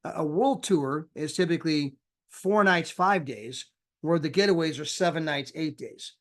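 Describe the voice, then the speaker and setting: A man's voice: fairly high pitch, normal speed, a bit bright. A man giving a chatty sales presentation over a screen share, often tagging his points with "right?" and "you know".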